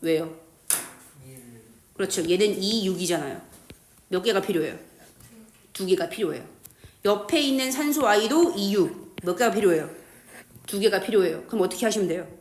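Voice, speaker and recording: A woman's voice: medium pitch, expressive, moderate pace, pauses often, darkish tone, a little hiss or hum. A woman teaching chemistry in a playful, slangy way, asking the class questions and answering them herself. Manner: uses slang and crude jokes. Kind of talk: lively classroom lecture. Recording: echoey room.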